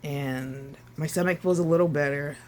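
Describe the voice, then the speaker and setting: A woman vlogging casually about her recovery, sore and short of breath, with a sore throat, talking haltingly with sighs and restarts. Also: deep voice, fairly even intonation, a little mellow. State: sore and winded after surgery.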